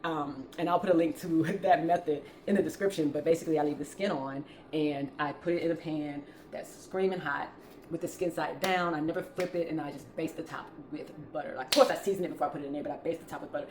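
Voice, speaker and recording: A chatty woman with a Southern US accent hosts a home cooking demonstration for her vlog, talking informally in her home kitchen. Her voice sits low and is a little mellow, with fairly even intonation and a fast pace. The recording has roomy kitchen echo and clattering utensil noise.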